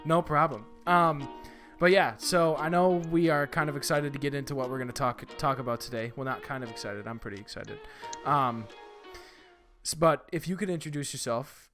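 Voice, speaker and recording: A man's voice: mid-range voice, normal speed, music in the background. A man hosting a podcast in casual chat, talking in a rambling way with lots of fillers. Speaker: podcast host.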